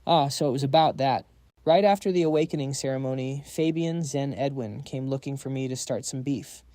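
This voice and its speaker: A man's voice: medium pitch, brisk, warm tone, dry recording, studio quality, close to an everyday voice. A man voicing a weary, sarcastic young male student who talks in exasperated, slangy inner monologue.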